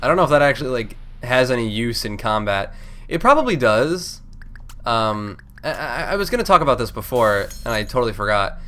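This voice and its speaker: Swearing freely and cutting into his own sentences, a stuffed-up let's play host chatters casually through his gameplay. His mid-range voice sounds pushed and bright, with lively intonation and a slightly fast pace. Game music is audible in the background.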